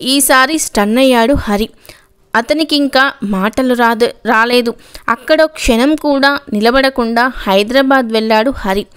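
A woman narrating an emotional love story in a steady, dramatic reading. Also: a little high, smooth.

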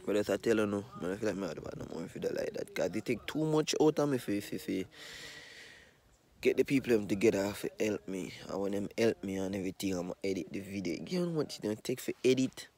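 A young Trinidadian man vlogging outdoors into a phone held at arm's length, complaining in a low, glum way. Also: expressive, fast. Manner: low, glum complaining, turning loud and laughing at the end. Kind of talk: casual vlog talk to camera. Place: outdoors among bushes and palms.

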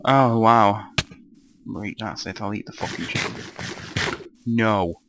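A man's voice: fairly low pitch, takes it slowly, noisy background. Grumbling young gamer guy. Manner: rambling, grumbling and swearing to himself. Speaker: gamer narrating a let's play. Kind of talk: casual gameplay commentary.

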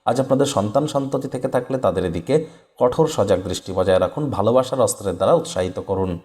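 A man presenting a daily horoscope as a channel host, reading a script in a brisk, declamatory way straight to viewers. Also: fairly low pitch, darkish tone. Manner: brisk, declamatory delivery, addressing viewers directly.

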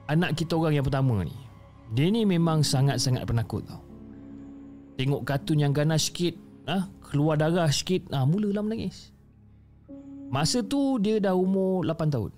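A man's voice: mid-range voice, warm tone. A man with a Malaysian accent reading a listener's horror story in a chatty, conversational way, often addressing the listener by name.

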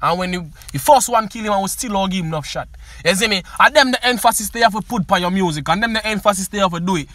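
A music reviewer with a Jamaican accent gives a casual but emphatic take on a song, repeatedly asking "you see me". He talks fast in a high, slightly bright voice, and the recording is dry.

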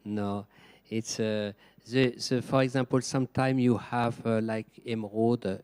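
A man with a French accent, a gem engraver answering questions in halting English and searching for words. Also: mid-range voice, steady tone, darkish tone, clean tone, dry recording. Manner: hesitant, searching for words, many fillers.

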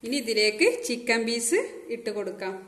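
A woman gives friendly, step-by-step cooking instructions as the host of her own channel. Her voice sits fairly high. She is recorded in an echoey home kitchen with a faint hiss behind her. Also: lively intonation, normal speed, a bit bright. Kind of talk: cooking tutorial narration.

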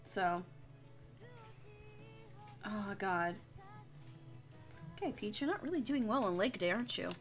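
A young woman streams herself drawing and chats casually, rambling, joking, and swearing a lot. Her mid-range voice has lively intonation and a slightly slow pace with long pauses, over soft background music.

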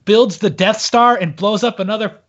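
A man's voice: sits high, moderate pace, a bit bright, highs cut off. A man co-hosting a casual podcast, ranting with sarcastic exaggeration. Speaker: podcast co-host. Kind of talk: casual chat.

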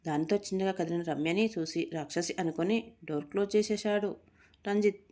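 A woman's voice: lowish voice, fairly quick, mellow. A woman reading a story aloud, giving the characters' lines small lifts in her voice.

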